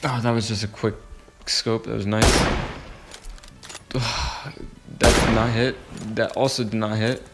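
A young man casually commentating his own mobile game, muttering to himself with sudden excited yelps and growing frustration. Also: on the low side, measured pace, pauses often, very noisy. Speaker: gaming channel host.

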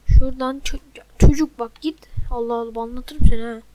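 A woman giving gameplay commentary into a desk microphone, exasperated and loudly mocking her teammates. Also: on the high side, steady tone, normal speed, background noise. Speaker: gamer.

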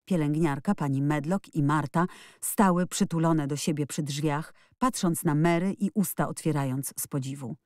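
Low-voiced woman narrating a storybook. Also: moderate pace, dry recording, clean studio sound. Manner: expressive storytelling. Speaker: audiobook narrator. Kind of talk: scripted narration.

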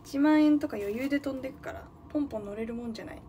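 High-voiced young woman chatting casually. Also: racing, warm tone, lo-fi sound, a little hiss or hum. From Nagano, Japan. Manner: chatty, thinks aloud, greets viewers often. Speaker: livestreaming idol. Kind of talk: casual livestream chat.

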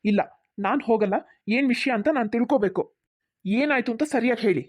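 A woman voicing a grown son and husband in a cartoon, who questions firmly and quickly. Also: fairly high pitch, darkish tone, dry recording, clean studio sound, lightly acted.

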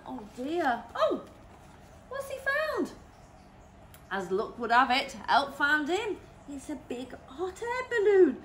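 A woman's voice: sits high, a little hiss or hum. A nursery teacher, a woman, reading a picture book aloud to young children, gasping and asking them questions. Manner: animated, with gasps and questions to the children.

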